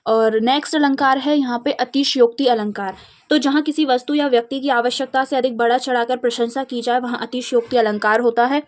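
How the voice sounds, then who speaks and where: A young woman from India with a Madhya Pradesh Hindi accent, teaching an exam revision lesson and explaining terms step by step. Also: on the high side. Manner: steady explaining, slows to recite verse examples.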